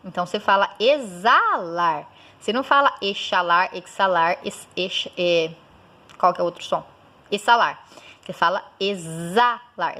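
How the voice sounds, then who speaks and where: A woman teacher giving a recorded school lesson, sounding out words slowly syllable by syllable and often checking in with a quick question. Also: medium pitch, a bit bright. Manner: frequent checking "certo?".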